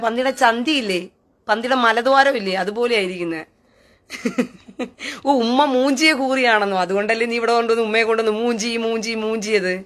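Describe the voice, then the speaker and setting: A woman with a slightly high voice talks straight into her live stream. She is scornful and taunting, and keeps firing back mocking questions. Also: fairly bright tone.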